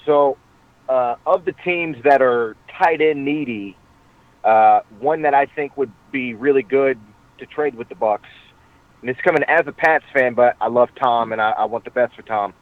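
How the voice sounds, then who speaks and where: A man's voice: mid-range voice, moderate pace, dry recording. A man from Boston calling in to a show over a clipped phone line, talking hesitantly with many filler sounds. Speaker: caller. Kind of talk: call-in chat. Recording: tinny dry phone line.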